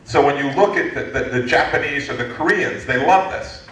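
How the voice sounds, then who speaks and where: An American man in his fifties, a guest lecturer on entrepreneurship, fields an audience question in a lecture hall, animated and joking with frequent restarts. His pitch is fairly high and his delivery brisk, captured from a distance in an echoey hall.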